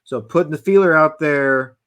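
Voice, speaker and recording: A man's voice: on the high side, fairly bright tone. A man co-hosting a knife show in casual chat, easygoing and teasing. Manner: easygoing, teasing, quick to laugh.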